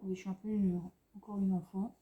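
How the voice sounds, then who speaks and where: Filming her craft paper pad haul at home on a tripod camera, a French woman rambles and softly gushes over the cute items, full of fillers and restarts. Her mid-range voice comes out flat and a little fast, in phone-quality sound with slight background noise.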